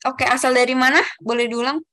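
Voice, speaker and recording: A young adult woman with a high-sitting voice and steady tone moves fast as she leads an online group discussion over video call. As facilitator, she reads the rules out politely, one after another, sprinkling in soft fillers.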